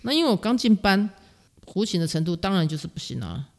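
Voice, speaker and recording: A middle-aged music teacher speaks Mandarin with a Taiwanese accent, sharing stories as a guest in a relaxed, casual interview. Her voice is lowish and she talks fast, animated and self-mocking, laughing often between lines.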